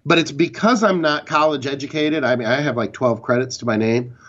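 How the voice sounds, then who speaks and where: A man's voice: mid-range voice, brisk, a bit bright, lo-fi sound. A man co-hosting a fitness podcast, chatting casually and giving opinionated, rambling explanations with some swearing. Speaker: podcast co-host. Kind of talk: casual chat.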